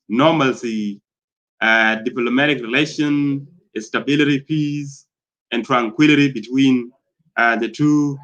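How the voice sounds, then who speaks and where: A man from South Sudan speaks in spoken commentary, his voice bright and forward at an ordinary middle pitch. He talks in a halting way, filling pauses with fillers and circling back over his phrases. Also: low-quality recording.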